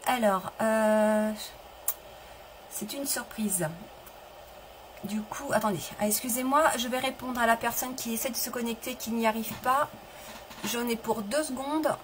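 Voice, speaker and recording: A chatty middle-aged woman hosts a live craft tutorial from her home table, her voice sitting a little high. She talks loosely, restarting sentences and answering viewers as she goes. The stream audio carries clear background noise. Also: unhurried, long pauses, rough recording. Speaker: papercraft demonstrator.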